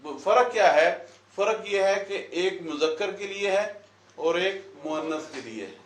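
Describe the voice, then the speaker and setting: Teacher in an echoey classroom, heard from afar. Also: male voice, sits high, expressive, a little slow. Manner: asks questions and repeats the answers. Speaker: Quran teacher. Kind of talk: classroom lesson with a whiteboard. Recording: echoey room, voice from far off.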